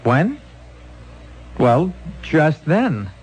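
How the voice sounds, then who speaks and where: Flustered, swooping old-radio cop. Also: male voice, fairly high pitch, huge pitch swings, very slow, slightly rough, heavily acted, rough recording. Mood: earnest, defensive. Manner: hesitant, stammering, thinking aloud. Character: flustered, earnest, unsure policeman reporting to his boss. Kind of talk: old-time radio mystery drama acting.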